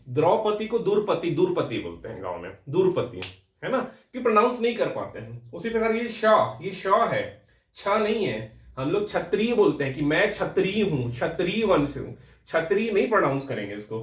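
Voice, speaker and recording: A fairly high-voiced young man teaching an exam prep class, spelling sounds out patiently and checking in with students again and again. He sounds a little away from the mic, and the room gives his voice a noticeable echo. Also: recorded from a distance. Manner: explanatory, repeats words, frequent "ठीक है?" check-ins. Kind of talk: Hindi grammar lecture.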